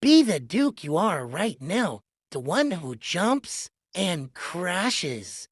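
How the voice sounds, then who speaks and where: A commanding toy shepherdess from a children's storybook, as a woman reader plays her. She gives brisk directions with plenty of swing in her pitch. Music plays clearly behind her. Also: very animated, no echo, clean studio sound, heavily acted. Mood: encouraging. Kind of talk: children's storybook read-aloud.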